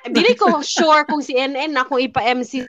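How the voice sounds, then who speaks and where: Young woman, high voice, chatty, laughs a lot, casual group chat. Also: normal speed, fairly bright tone, dry recording. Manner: chatty, laughing, mock American-accent bits. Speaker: co-host of a reunion chat. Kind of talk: casual chat among friends.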